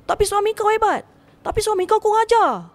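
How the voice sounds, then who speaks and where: A woman's voice: extremely high pitch, lively intonation, a little fast, voice pushed up. A woman voicing a furious, arrogant male jinn king who boasts and threatens in a commanding way. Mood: boastful, furious.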